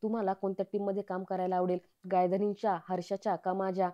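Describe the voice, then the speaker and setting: An earnest, anxious young woman, read out by a woman narrator, pleading in an even, flat way. Her voice is dark and mellow, and the recording sounds slightly muffled. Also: mid-range voice, quick pace, natural voice. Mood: businesslike.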